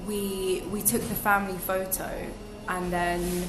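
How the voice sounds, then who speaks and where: A young woman appears as a guest on a podcast, reflective and chatty, with many ums and restarts in a casual interview. Her medium-pitched voice has little pitch movement and a measured pace, in an echoey room with music behind.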